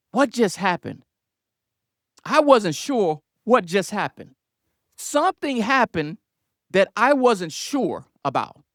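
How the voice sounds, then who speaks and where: Earnest man with a lively voice. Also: sits high, no room sound, studio quality. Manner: earnest, reflective, talks to listeners directly. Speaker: speaker giving testimony. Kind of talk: personal testimony storytelling.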